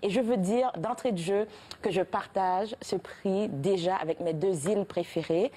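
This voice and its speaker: A woman in her thirties with a Haitian French accent, talking as the guest of a television interview. Her voice is warm and mellow. She speaks earnestly and restarts her sentences often, with many fillers. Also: mid-range voice, moderate pace. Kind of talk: TV interview answers.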